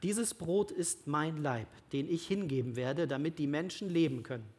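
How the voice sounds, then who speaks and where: A reader voicing a solemn, slow-spoken Jesus. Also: medium pitch, darkish tone, lightly acted. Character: Jesus as a calm, solemn male teacher.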